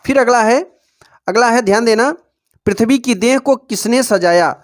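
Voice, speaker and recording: A man teaching students how to write board exam answers, calling them dear children and often telling them to pay attention. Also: extremely high pitch. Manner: recites verse slowly and deliberately. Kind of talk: exam-prep lesson for students.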